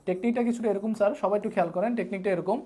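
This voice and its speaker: Speaking at a rapid-fire clip, a woman with a medium-pitched, mellow voice tutors a live online geography class. She keeps checking whether students follow and hands out playful memory aids, with slight background noise behind her.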